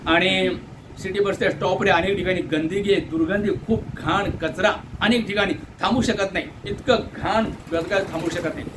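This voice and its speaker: A man from delivers an earnest complaint monologue, asking indignant rhetorical questions and mimicking shouted orders. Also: high voice, steady tone, moderate pace, background noise. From India. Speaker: Buddhist monk airing commuter complaints. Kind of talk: direct-to-camera complaint monologue.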